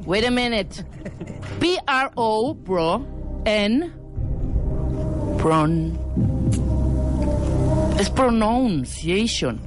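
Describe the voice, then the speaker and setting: A woman's voice: mid-range voice, expressive, very slow, long pauses, over music. A Mexican woman in casual chat, joking around and stumbling as she spells words aloud letter by letter.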